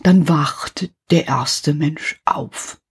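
A woman voicing a big golden rooster on a church tower, calling down slowly and matter-of-factly. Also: low-pitched, husky, heavily acted. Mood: calm.

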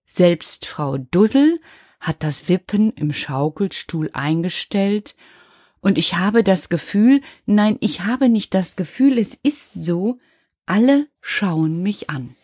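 A woman reading a children's story aloud, slow and expressive with hushed moments. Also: medium pitch, no echo, studio quality.

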